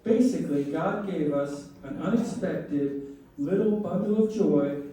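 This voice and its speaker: A middle-aged man performing stand-up comedy in setups and punchlines with pauses, to a laughing audience. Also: on the high side. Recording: roomy echoing live venue, distant mic, faint noise.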